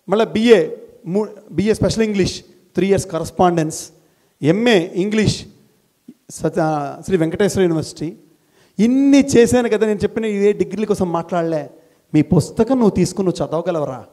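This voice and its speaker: A man giving a motivational talk to college students, animated and teasing, scolding them now and then and dropping English phrases into his speech. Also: high-pitched. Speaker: motivational speaker. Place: college hall.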